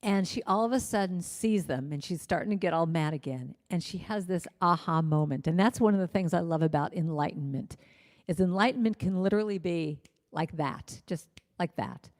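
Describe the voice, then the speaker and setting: A woman's voice: on the low side, moderate pace, darkish tone. A woman minister telling stories in a conversational sermon, peppered with "you know" fillers. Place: church livestream. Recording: echoey hall with faint music.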